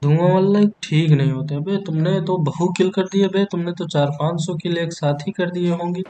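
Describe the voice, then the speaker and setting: A man's voice: sits high, fairly even intonation, normal speed, mellow, a little hiss or hum. A young man hosting a gaming channel, joking and bantering crudely with teammates as he narrates his match. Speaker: gaming YouTuber. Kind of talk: comedic gameplay commentary.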